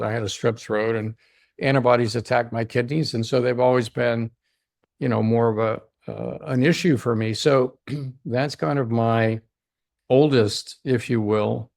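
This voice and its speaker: A man's voice: mid-range voice, gravelly, a little mellow, no room sound, studio quality. A man being interviewed as a longevity doctor, explaining his ideas emphatically and often checking in with "right?". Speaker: longevity doctor, podcast guest.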